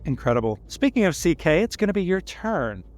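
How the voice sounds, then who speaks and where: A man acting as game master in a casual tabletop game, playful and slowing down for dramatic narration. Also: on the high side, sing-song, darkish tone, soft background music.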